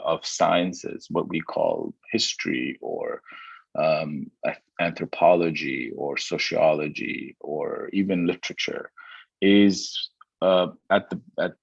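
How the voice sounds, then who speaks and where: A very deep-voiced man from Pakistan speaks as a historian in an academic conversation. He talks thoughtfully, often stopping with fillers and restarting his sentences. The sound is dry and dull. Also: creaky, dry recording. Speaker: historian guest.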